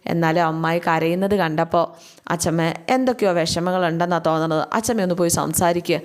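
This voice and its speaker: A woman casually recapping a TV serial episode, with drawn-out fillers and quick bits of acted-out dialogue. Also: lowish voice. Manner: chatty retelling, frequent drawn-out fillers, acts out quoted lines. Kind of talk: casual spoken story recap.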